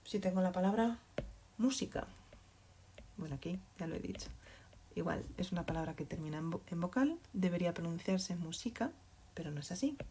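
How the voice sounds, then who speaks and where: A woman teaching Spanish to learners, speaking slowly and patiently, often checking in with a questioning "mm?". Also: on the low side, lively intonation, dark tone, a little hiss or hum. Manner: slow and deliberate, spells out examples. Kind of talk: explaining grammar to learners.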